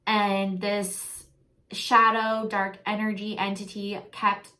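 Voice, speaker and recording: A woman's voice: mid-range voice, flat delivery, slow pace, bright, forceful tone. Rambling woman sharing a dream. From Canada. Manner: rambling, many ums and likes. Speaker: spiritual vlogger. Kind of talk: casual spiritual talk.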